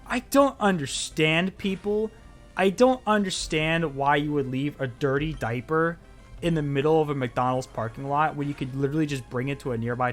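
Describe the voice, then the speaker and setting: Streamer dude rambling thru a story, cussing, kinda high voice, faint game music behind. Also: male voice. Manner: rambling, filler-heavy, swears freely. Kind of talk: casual storytelling while playing a game.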